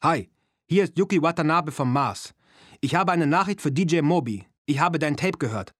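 A brisk, gruff club owner with a broad Japanese accent talks in short, rumbling phrases, as a male audiobook reader puts him on. The voice sits noticeably higher and louder than the reader's own. The recording is dry and close. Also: animated, no room sound. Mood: businesslike. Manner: rumbling, clipped. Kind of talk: audiobook dialogue.

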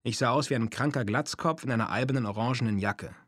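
A man's voice: medium pitch, fast talker, slightly rough, no echo. A man reading a first-person story as an audiobook, with a dry, self-mocking manner. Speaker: narrator. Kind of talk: audiobook narration.

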